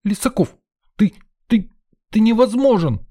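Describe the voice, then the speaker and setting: A man's voice: lively intonation, unhurried, darkish tone. A man voicing a fiery young woman who shrieks in indignant outbursts. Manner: shrill, furious outbursts.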